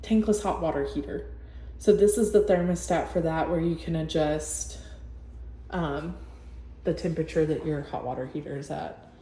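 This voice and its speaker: Real estate lady walking you through an empty house, mellow lowish voice, big echoey rooms. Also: moderate pace. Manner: chatty, matter-of-fact, points things out room by room. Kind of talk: casual home-tour walkthrough. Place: empty new-built house, indoors. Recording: echoey empty rooms with long reverb, faint hum.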